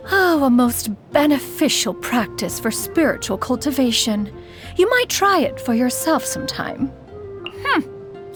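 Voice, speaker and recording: A woman voicing a haughty, eccentric female immortal crane spirit and inventor in a video game, speaking formally and calling herself "one". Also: fairly high pitch. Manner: formal, archaic speech, calls herself "one"; haughty yet teasing. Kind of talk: video game character voice lines.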